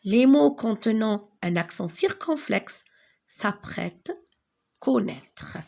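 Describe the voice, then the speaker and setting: Woman teacher for a spelling lesson; slow and deliberate, raspy and husky. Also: fairly high pitch, animated, a little mellow. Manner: slow, deliberate, repeats key words for emphasis.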